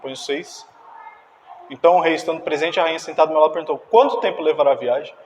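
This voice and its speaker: A man preaching a sermon in an animated way, acting out dialogue and directing the slides. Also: on the high side, quick pace. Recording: distant reverberant church hall.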